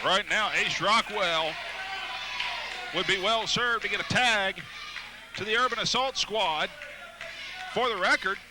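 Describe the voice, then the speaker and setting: A man's voice: high-pitched, a little slow, long pauses, music in the background. A man calling live wrestling play-by-play in emphatic, clipped phrases over arena noise. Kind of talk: live sports commentary. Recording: noisy live wrestling event.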